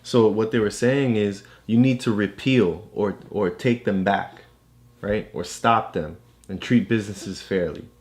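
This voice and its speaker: A man with a fairly low, unhurried, slightly mellow voice co-hosts as a parent coaching a child reader. He chats casually, explaining things simply and with encouragement.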